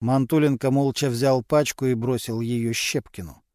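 A man narrating a crime novel as an audiobook, reading with animated storytelling. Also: medium pitch, normal speed, dry recording, clean studio sound. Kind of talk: scripted narration.

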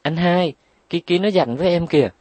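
A man's voice: fairly high pitch, a little fast, darkish tone, dry recording, voice pushed up, close to an everyday voice. A man doing a crybaby little sister. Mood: whiny. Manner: crying, pleading, tattling. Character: tearful, greedy little sister.

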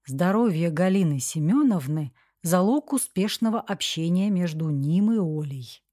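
A woman reading an audiobook as narrator in a steady, even storytelling manner. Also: fairly low pitch, moderate pace, no echo, clean studio sound. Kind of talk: scripted narration.

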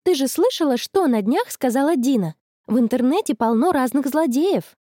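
A woman voicing an excitable, worried teenage schoolgirl in a storybook, talking high and fretful. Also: normal speed, dry recording, studio quality. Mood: worried, eager.

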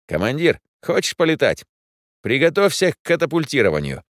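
A man's voice: huge pitch swings, a little fast, no room sound, clean studio sound. A man voicing a talking robot scooter, melodramatic and whiny. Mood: excited. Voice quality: shrill, melodramatic wailing.

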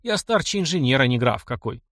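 A man's voice: medium pitch, sing-song, brisk, fairly bright tone, no echo, studio quality. Man voicing a blunt young engineer. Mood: earnest. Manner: plainspoken, direct.

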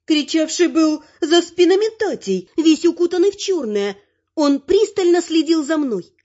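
A woman narrating a fantasy audiobook with even, expressive storytelling. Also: very high voice, normal speed, dull audio.

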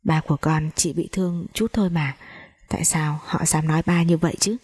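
Grieving young heiress, twenty, low husky voice, read by a woman storyteller. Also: steady tone, a little fast, a little mellow, dry recording, studio quality. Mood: pleading. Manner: pleading, broken speech.

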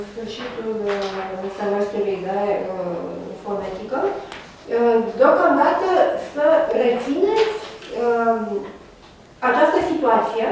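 A woman giving a university lecture, hesitating with many filler sounds. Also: on the high side. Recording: echoey room, far from mic, faint noise.

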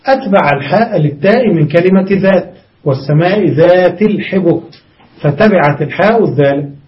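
High-voiced man teaching grammar, lo-fi. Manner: reads out the text, then explains it, with frequent checking questions. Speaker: sheikh teaching Arabic grammar. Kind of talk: classroom lesson explaining a grammar text. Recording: dull lo-fi lesson recording.

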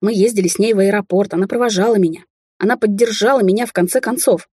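A woman's voice: medium pitch, fast, a little mellow, husky, no room sound, clean studio sound, natural voice. A woman reading the lines of a hot-tempered young Chinese man, a rich heir, in an audiobook. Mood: worried.

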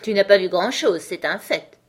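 A woman voicing a rude, ill-tempered duchess with a hoarse, grumbling voice in a storybook reading. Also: mid-range voice, lively intonation, moderate pace. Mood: curt. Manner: curt and snapping.

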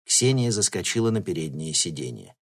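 A male audiobook narrator with a low, husky voice reads in a lively, expressive way, with his pitch rising and falling widely. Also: brisk. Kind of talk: scripted narration.

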